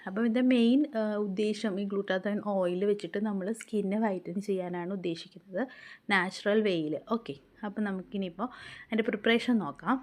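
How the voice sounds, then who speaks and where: Hoarse woman from Kerala, mid-pitched, chatty home-tutorial delivery, patient step-by-step explaining. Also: a little fast, a little mellow. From Kerala, India. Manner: chatty, explains step by step, often adds reassuring tags. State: hoarse from a cough. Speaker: home remedy vlogger.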